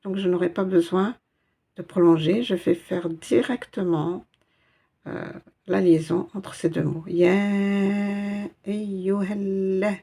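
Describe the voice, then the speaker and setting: A woman's voice: fairly low pitch, steady tone, measured pace, vocal fry, dark tone, husky. A woman teaching a step-by-step Arabic reading lesson in French, patient and explaining each letter and sound.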